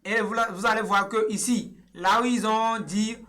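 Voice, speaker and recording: A man's voice: sits high, fairly even intonation, normal speed, bright, forceful tone. A young man from Togo walking viewers through an online form step by step, patient and repetitive with frequent hesitations, recorded on a webcam in a small room. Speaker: online tutorial presenter. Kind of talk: screen-share tutorial walkthrough.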